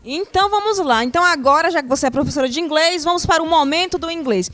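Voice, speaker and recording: A young woman hosts a TV talk show, playful and upbeat, steering the conversation with guiding questions in a casual studio interview. Her voice is high and a bit bright, she talks fast, and there's no echo.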